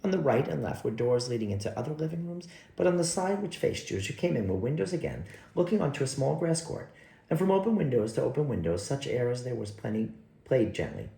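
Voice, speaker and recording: A man reading an audiobook, unhurried and expressive. His voice is gravelly and mellow with a lively, varied pitch. It sounds like an echoey room. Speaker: audiobook narrator.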